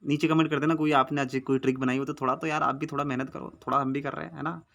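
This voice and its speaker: A man's voice: a little high, flat delivery, very fast, creaky, fairly bright tone. Chatty man teaching exam mnemonics. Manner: chatty and coaxing, repeats mnemonics, calls viewers 'yaar'. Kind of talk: casual chatty Hindi lesson. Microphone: phone recording.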